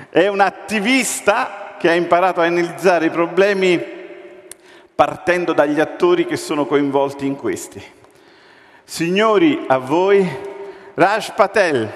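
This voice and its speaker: A man's voice: a little high, moderate pace. A man from Italy hosting an event, giving a ceremonious formal introduction of a guest on stage. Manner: ceremonious, builds up to the guest's name. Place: large event hall. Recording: roomy long hall reverb.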